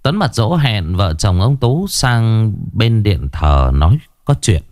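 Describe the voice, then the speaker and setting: A man narrating a horror story in a dramatic, lively storytelling manner. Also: fairly low pitch, slow, dry recording, studio quality.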